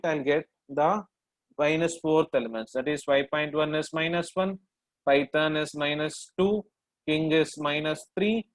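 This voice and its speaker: A middle-aged man with an Indian English accent walks through a programming lesson step by step, often pausing on "uh" and asking "right?". His voice sits a little high for a man. The sound is dry and close. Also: dry recording, poor audio. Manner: explains step by step with frequent "right?" and fillers. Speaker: lecturer.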